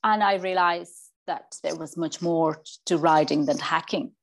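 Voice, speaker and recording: Spanish-accented woman in her forties, lowish voice. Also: fairly even intonation, unhurried, gravelly. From Spain. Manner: chatty, repeats words and restarts, frequent fillers. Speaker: riding coach. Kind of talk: casual interview.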